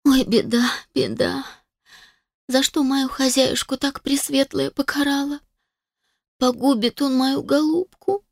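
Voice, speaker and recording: A woman's voice: high-pitched, steady tone, slow pace, no echo, studio quality, pitched above the performer's own voice. A woman voicing a timid, tearful young maid who wails over her mistress, in an audiobook. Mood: lamenting. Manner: wailing, lamenting softly. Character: timid weepy young maid, devoted and fearful.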